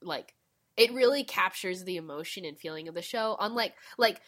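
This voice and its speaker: A woman's voice: fairly low pitch, normal speed, fairly bright tone. A woman with a nasal voice co-hosting a casual chat, talking with lots of "like" fillers. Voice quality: nasal right now. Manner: chatty, with many "like" fillers. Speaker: podcast co-host.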